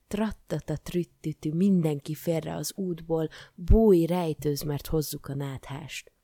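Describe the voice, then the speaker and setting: A woman reading a storybook aloud, voicing a loud male herald who proclaims and mimics a horn. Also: sits low, no echo, studio quality. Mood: proclaiming.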